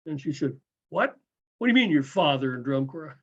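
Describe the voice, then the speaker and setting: A man in his seventies sharing lively anecdotes about drumming on a video call. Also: a little high, normal speed, slightly rough. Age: 70s. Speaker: drum corps member. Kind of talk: casual video call chat. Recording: dull lo-fi call audio.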